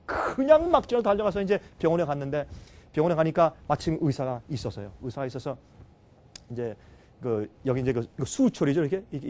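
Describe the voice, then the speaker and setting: A middle-aged man preaching a sermon, who tells a story with feeling, shifts between loud exclamations and quiet low asides, and speaks straight to his listeners. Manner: emotional storytelling, addresses listeners directly. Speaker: pastor. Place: church seminar hall.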